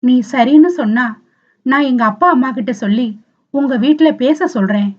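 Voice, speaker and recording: A woman's voice: sits high, moderate pace, darkish tone, muffled recording. A woman reading the lines of a young man in love who pleads earnestly and tearfully.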